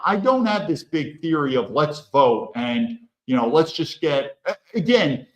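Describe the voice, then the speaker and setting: A male host delivers a solo commentary monologue in a voice a little high for a man, with a blunt, opinionated edge. He keeps peppering his talk with rhetorical questions, and the room around him is echoey.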